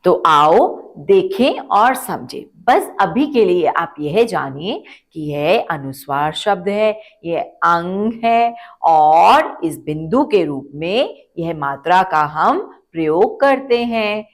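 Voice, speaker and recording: A woman leads a phonics class for young children. She speaks at a very slow, deliberate pace, stretching the sounds and repeating each word. She asks questions and answers them herself. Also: on the low side, lively intonation. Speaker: children's Hindi teacher. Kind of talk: slow, drawn-out phonics lesson for kids.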